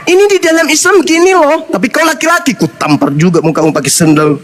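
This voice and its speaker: High-pitched man taunting with scornful laughs. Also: animated, fast talker, very noisy. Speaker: host of a live religious debate stream. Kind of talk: heated debate, mocking and taunting.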